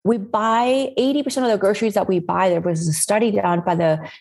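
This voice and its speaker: A woman's voice: mid-range voice, fairly even intonation, brisk, a little mellow. Chatty woman from Spain, podcast guest. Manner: chatty, many fillers and "right?" tags. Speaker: guest, meal-planning website founder. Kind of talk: casual podcast interview.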